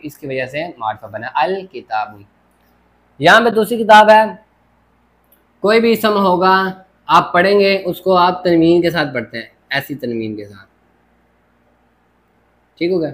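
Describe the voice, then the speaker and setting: Guy teaching grammar at a whiteboard, kinda high voice, keeps saying ok got it. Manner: explains step by step, repeats "theek ho gaya". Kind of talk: classroom lecture at a board.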